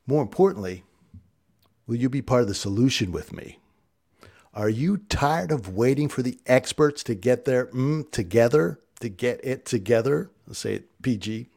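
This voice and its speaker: Gravelly fired-up male podcast host. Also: medium pitch, expressive, normal speed, darkish tone. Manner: preachy call-and-response rallying. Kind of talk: fired-up solo podcast monologue.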